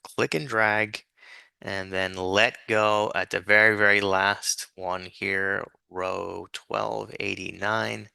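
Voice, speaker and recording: A man's voice: lowish voice, flat delivery, slow, creaky, pushed and bright, clear, resonant tone, dry recording. A man giving an informal, patient step-by-step spreadsheet tutorial, dictating things piece by piece as an instructor. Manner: dictating formulas piece by piece, spelling out letters and symbols.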